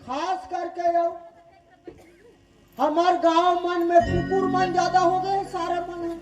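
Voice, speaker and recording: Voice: extremely high pitch, little pitch movement, takes it slowly. An actor playing a comic village town crier with a Chhattisgarhi accent, calling out folksy announcements to the villagers in a rural comedy skit. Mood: loud, proclaiming. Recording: roomy echo with music behind.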